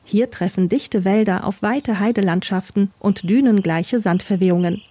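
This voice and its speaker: Mellow-voiced woman narrating a radio feature. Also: mid-range voice, no room sound. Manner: measured, informative. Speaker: radio reporter.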